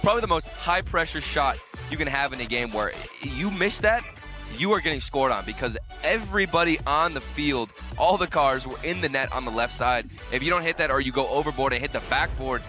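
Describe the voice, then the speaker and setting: A man's voice: mid-range voice, animated, fairly quick, over music. A man giving esports colour commentary as a caster, explaining plays in a conversational way.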